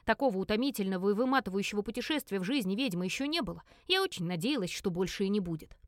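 Lively, expressive woman audiobook narrator. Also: mid-range voice, very fast, no echo, studio quality. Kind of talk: first-person audiobook narration.

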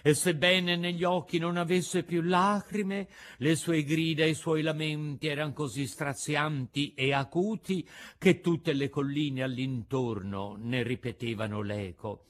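A man narrating a storybook aloud, his voice a touch higher than most men's. He reads theatrically, stretching and colouring the lines. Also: measured pace. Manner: expressive, theatrical reading. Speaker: reader.

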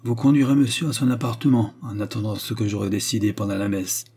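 A man's voice: fairly low pitch, fast talker, dark tone, breathy edge. A man reading aloud and voicing an agitated, offended king who gives stern orders. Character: troubled, offended middle-aged king.

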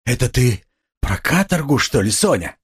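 A man's voice: medium pitch, very animated, normal speed, breathy edge. A man voicing a tormented, bitter young man who speaks in a brooding, irritable confession in an audiobook. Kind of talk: audiobook character reading.

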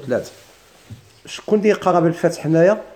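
A man with a Moroccan Arabic accent, teaching Quranic readings in a classroom lesson and chanting verses slowly. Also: on the high side, lively intonation, dark tone. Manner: explains in dialect, chants quoted verses slowly.

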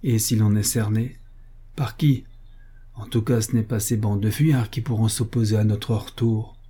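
A man voicing a resolute young French sergeant, speaking curt and decisive, with a dark, husky voice. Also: lowish voice, fairly even intonation, normal speed.

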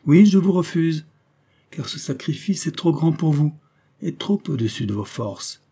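A man reading the lines of an aging count and general, speaking higher and louder than his narration. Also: very animated, measured pace, slightly rough, exaggerated voice. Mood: firm. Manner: raises voice above the narration, earnest.

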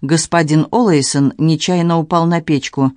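A man reading the part of a ruthless, calculating woman in an audiobook, in a low, controlled, menacing tone. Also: steady tone, normal speed, darkish tone, no echo, studio quality, lightly acted. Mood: cold, commanding.

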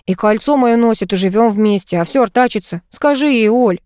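A woman's voice: fairly high pitch, fairly quick, darkish tone, smooth, no echo, clean studio sound, voice pushed up, lightly acted. Woman reading as a joking thirty-something man, Dima. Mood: cajoling. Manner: cajoling, good-humoured.

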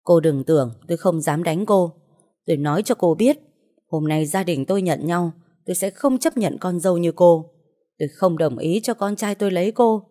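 A woman voicing a middle-aged mother who shouts accusations in anguish and fury in an audio story. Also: fairly low pitch, normal speed, close to an everyday voice. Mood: furious, anguished.

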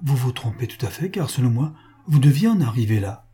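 A man reading aloud, voicing a warm, affectionate young wife with a gushing, lively manner. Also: mid-range voice, brisk, breathy edge. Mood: eager.

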